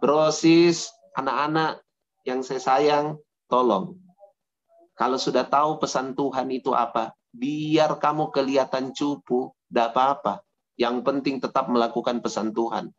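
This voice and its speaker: A man preaching to young people in a casual, chatty storytelling way, slangy and lively as he retells a Bible story. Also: medium pitch, measured pace. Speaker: pastor. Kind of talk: casual storytelling sermon to youth. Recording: dull lo-fi sound.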